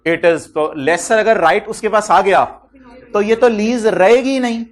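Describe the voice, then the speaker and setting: A man with a Pakistani Urdu accent giving an accounting lecture, quizzing his students with rapid questions and mixing in English terms. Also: high-pitched. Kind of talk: classroom lecture.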